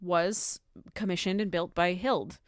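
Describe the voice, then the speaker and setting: Woman cohosting a chatty podcast, slightly low voice, informal n giggly, close dry recording. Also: steady tone, a little slow, dry recording. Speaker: podcast host. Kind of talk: casual chat, recapping a talk.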